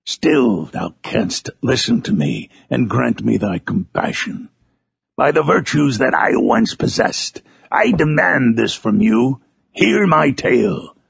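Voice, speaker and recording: Tormented monster from a gothic audiobook, super raspy, swings up and down, begging and bitter. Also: male voice, medium pitch, very animated, slow, exaggerated voice. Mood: solemn, insistent. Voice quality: gravelly, raspy. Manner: impassioned, archaic, theatrical pleading. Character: wretched, eloquent, vengeful male monster pleading with his creator. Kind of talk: dramatic reading of a Gothic novel.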